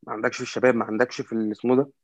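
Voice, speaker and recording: A man with an Egyptian Arabic accent in casual football discussion, halting and repetitive as he searches for words. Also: medium pitch, level tone, no room sound. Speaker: football fan commentator.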